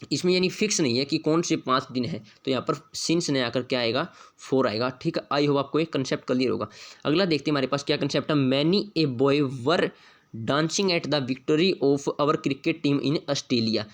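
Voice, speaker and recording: A man with a slightly raised pitch leads an exam-prep grammar lesson. He drills each point by asking a question and answering it himself several times. He reads the example sentences out slowly. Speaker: English grammar teacher.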